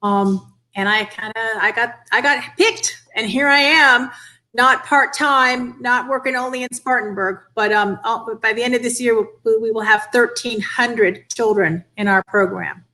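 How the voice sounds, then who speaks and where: Bright and forceful, a little slow and fairly high, this woman's voice comes through poor audio on an indoor online call. She's in her fifties, from the northeastern United States, and directs a children's cancer charity, answering interview questions earnestly and appreciatively.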